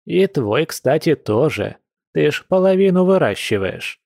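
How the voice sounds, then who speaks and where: A man's voice: a little high, big pitch swings, vocal fry, darkish tone, no room sound, clean studio sound, voice pushed up, full character voice. A man voicing a grumbling, crafty old village grandmother in an audiobook, drawing out her words in a folksy, wheedling way. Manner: folksy, wheedling, drawn-out speech. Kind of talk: audiobook character voice.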